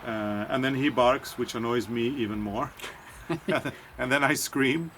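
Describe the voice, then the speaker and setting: Male podcast co-host, mid pitch, relaxed rambling chat, slight background hiss. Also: measured pace. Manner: chatty, meandering, with many fillers and restarts. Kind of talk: casual chat.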